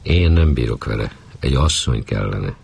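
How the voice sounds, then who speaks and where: A man voicing a friendly chimney sweep in his thirties in a story, homely and steady, with a deep, gravelly, husky voice. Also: heavily acted. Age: 30s. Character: kindly 35-year-old chimney sweep, plain and steady.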